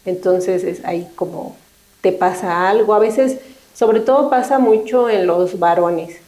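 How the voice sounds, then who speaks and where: A woman's voice: mid-range voice, measured pace, dark tone, rough recording. A middle-aged woman, a thanatologist guest talking reflectively and unhurriedly in an interview, often checking in with short tag questions. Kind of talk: conversational interview.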